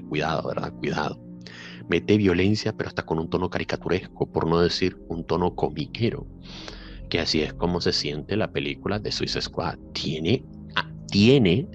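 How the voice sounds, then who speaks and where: A man giving a casual, emphatic film review, swearing freely and repeating filler phrases. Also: a bass voice. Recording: slightly dull audio with faint music behind.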